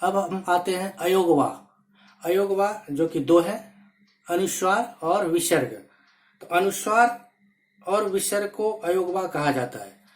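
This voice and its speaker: A male grammar teacher talks in an unhurried, measured classroom manner. He names each letter separately before giving an example. His voice rings in a roomy, echoing space. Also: high voice. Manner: slow, deliberate, naming letters one by one with examples. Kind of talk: classroom-style grammar lesson. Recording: echoey room.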